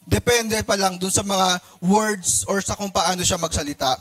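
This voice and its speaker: A Filipino man with a notably high voice leads a sermon in a relaxed, conversational way. He keeps putting questions to the room, mimics how different people talk, and laughs along the way. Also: moderate pace. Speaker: preacher.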